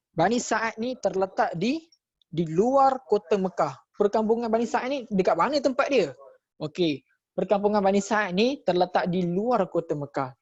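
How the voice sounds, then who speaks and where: A man's voice: high-pitched, darkish tone, no room sound. A man with a Malaysian Malay accent, a religious teacher giving an online lesson to children, patiently repeating key points and quizzing his pupils. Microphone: computer or phone mic on a video call. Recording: dull, dry lo-fi online class recording.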